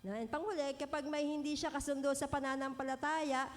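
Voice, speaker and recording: A middle-aged woman preaching a sermon in a gentle manner, often adding "no po?" as she speaks. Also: sits high, steady tone, a little fast. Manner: gentle, frequent "no po" tag questions, mixes English phrases. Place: church hall. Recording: long hall reverb.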